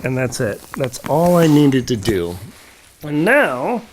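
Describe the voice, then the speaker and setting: A man's voice: mid-range voice, sing-song, slow pace, heavy background noise. A man casually demonstrating outdoor gear, heard through garbled, muffled audio after moving his microphone. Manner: chatty, practical, talks while handling gear. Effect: garbled, muffled audio from the mic being moved.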